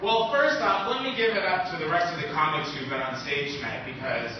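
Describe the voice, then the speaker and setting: A man's voice: a little high, fairly quick, distant mic, background noise. A young man from Maine doing a nervous first stand-up set, rambling with lots of "like" and restarts. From Maine, USA. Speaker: stand-up comedian. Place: small comedy club stage. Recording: echoey club audio, lo-fi, from afar.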